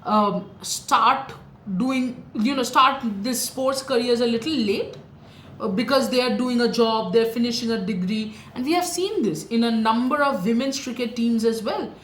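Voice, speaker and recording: Brief: woman, ex-cricketer panelist, somewhat high voice, halting and full of fillers, echoey room. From India. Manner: quick, halting, many fillers like "you know". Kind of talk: casual discussion. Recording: roomy echo with faint noise.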